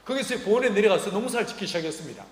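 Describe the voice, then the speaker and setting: High-voiced pastor in an echoing hall. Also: male voice, sing-song, rapid-fire. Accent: Korean. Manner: humorous, acts out quoted dialogue. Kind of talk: sermon with storytelling. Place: church sanctuary. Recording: echoey hall reverb.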